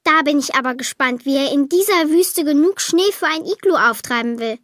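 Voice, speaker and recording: A woman reading a children's Christmas story aloud, lively and lightly voicing the girl and her parents. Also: high voice, normal speed, no room sound, studio quality. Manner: lively, voices the child, mother and father lightly.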